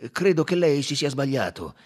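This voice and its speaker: A man voicing a young American man on a train who speaks haltingly, with hesitant fillers. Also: a little high, very animated, pitched above the performer's own voice. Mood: stiff. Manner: halting speech, broken French. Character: young American male traveller, stiff and irritable.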